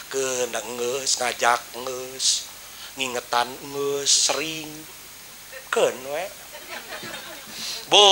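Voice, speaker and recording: High, bright Sundanese-accented preacher. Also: male voice, slight background noise, poor audio. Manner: joking with the audience, breaks into sung praise. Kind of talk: humorous Sundanese sermon. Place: outdoor religious gathering.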